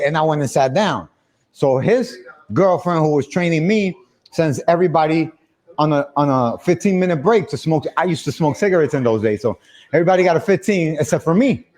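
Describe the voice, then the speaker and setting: A young man telling a story casually on a livestream, animated and laughing as he acts out the voices of the people in it. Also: a little high.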